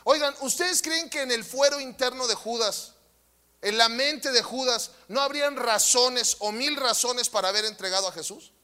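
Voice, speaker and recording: High, bright-voiced male preacher. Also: normal speed, clean tone. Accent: Mexican Spanish. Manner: acts out voices, then shouts at the congregation. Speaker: pastor. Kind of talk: sermon.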